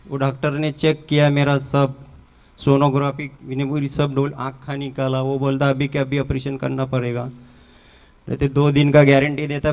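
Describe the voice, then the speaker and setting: A middle-aged man shares his testimony in a casual storytelling way and slips into the voices of people he met. His voice sits slightly high and sounds smooth and clear. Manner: casual storytelling, acting out dialogue. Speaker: testimony speaker. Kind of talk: church testimony.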